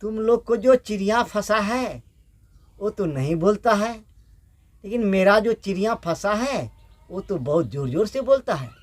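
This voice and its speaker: A man voicing a simple-minded village goat-herd who shouts eagerly, in a folk tale told aloud. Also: sits high, expressive, unhurried.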